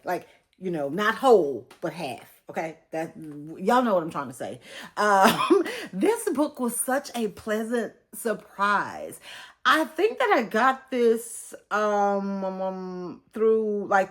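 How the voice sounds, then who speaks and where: A woman's voice: medium pitch, very animated, unhurried. A woman in her fifties with a Texas accent, chatting casually as she reviews a book and addresses her viewers, rambling a little with plenty of ums. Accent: Texan. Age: 50s. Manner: chatty and rambling, calls viewers "y'all", many fillers.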